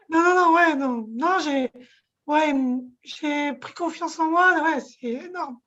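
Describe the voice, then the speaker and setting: A woman's voice: high-pitched, takes it slowly, long pauses, a bit bright, dull audio. A woman in her forties, a shop owner and guest, telling stories expressively and laughing often. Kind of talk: casual interview chat.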